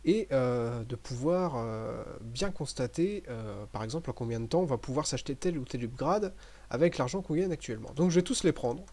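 A man giving relaxed, chatty commentary over a game he is playing, with many fillers and restarts. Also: medium pitch, moderate pace. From French-speaking. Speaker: gaming commentator. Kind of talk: casual gameplay commentary.

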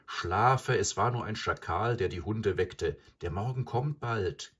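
Male narrator playing an older village woman, timid and trembling; lifted pitch, lively. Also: moderate pace, husky, exaggerated voice. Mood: urgent. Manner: trembling, softly pleading. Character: gray-haired village woman, timid and tender. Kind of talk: audiobook character voice.

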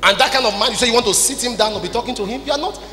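Very fast and very high-pitched with a sharp tone, the Nigerian man in his forties delivers a sermon as the apostle leading the service. His short, emphatic phrases scold the congregation through a handheld mic on a church stage, the big hall's PA echoing over music.

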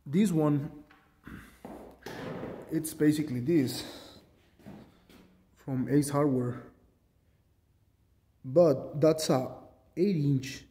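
This DIY fabricator, recorded on a handheld phone camera in his home garage, has a medium-pitched, dark-toned voice that sounds as if he's in a large hall. He casually walks through a workshop tool modification, rambling, self-deprecating, and full of ums.

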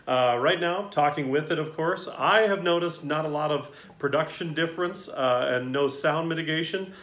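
With a voice on the high side and a bit bright, the choir director moves at a moderate pace through his casual review of a singer's mask, which he has on while talking. He's friendly yet hesitant, dropping many ums and uhs, and the recording has an echoey room sound.

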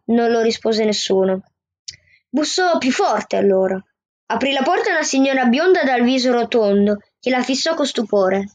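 A woman co-hosting a book chat, reading a novel aloud in a plain, steady way. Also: high voice. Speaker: co-reader.

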